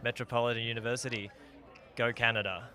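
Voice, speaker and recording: Man hosting a live interview outdoors, sharp bright tone, upbeat. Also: medium pitch, little pitch movement, quick pace, faint music behind. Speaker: livestream interviewer. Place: outdoors at a launch site.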